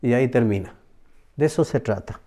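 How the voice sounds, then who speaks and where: A man teaching a Bible passage verse by verse, slow and emphatic, often repeating words for stress. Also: mid-range voice, mellow. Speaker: preacher.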